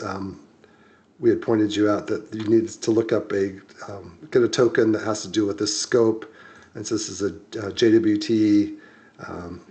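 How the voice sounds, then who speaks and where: A man giving a relaxed screen-share coding walkthrough as a tutorial instructor, talking with many ums and restarts. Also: lowish voice.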